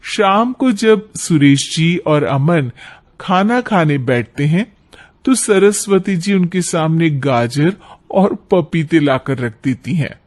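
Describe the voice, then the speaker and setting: Slow, fairly high-voiced male story narrator. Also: animated. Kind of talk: scripted cartoon story narration.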